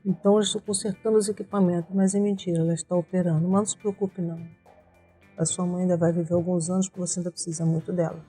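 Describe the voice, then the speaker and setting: A woman quoting a calm otherworldly male being who gives low, hushed, measured instructions. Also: breathy edge, faint music behind. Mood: reassuring.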